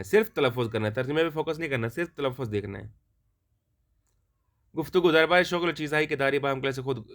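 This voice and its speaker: A man teaching a Farsi lesson, reading sentences slowly for pronunciation and explaining them quickly. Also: mid-range voice, fairly bright tone. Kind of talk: language lesson explained in Urdu.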